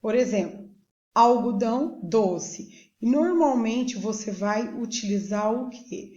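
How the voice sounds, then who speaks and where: A woman teacher with a Brazilian Portuguese accent gives a recorded lesson for young pupils, explaining slowly and patiently and often checking that they follow. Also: fairly high pitch, expressive, dark tone. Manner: slow, patient, checks in with "tá joia?". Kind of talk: recorded remote school lesson. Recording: echoey room, dull lo-fi sound.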